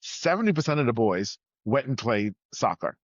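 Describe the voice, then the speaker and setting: Born in Trinidad and Tobago and moved to the US at nine, a man shares his story on a podcast, talking conversationally and with emphasis while repeating phrases for weight. He has a very animated mid-range voice at a moderate pace. The lo-fi audio is a bit dull but free of echo.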